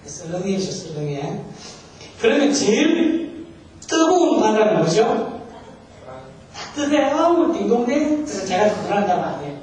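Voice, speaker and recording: Joking pastor in a very echoey hall. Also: male voice, high-pitched, sing-song, a little slow, a little mellow. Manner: joking, leads the congregation in call-and-response. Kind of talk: humorous sermon. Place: church sanctuary. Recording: far-off mic, very echoey hall.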